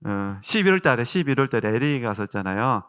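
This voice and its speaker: Bright, crisp Jeolla-accented pastor. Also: male voice, mid-range voice, big pitch swings, quick pace. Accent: Jeolla Korean. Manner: warm storytelling with rhetorical questions to the congregation. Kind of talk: sermon.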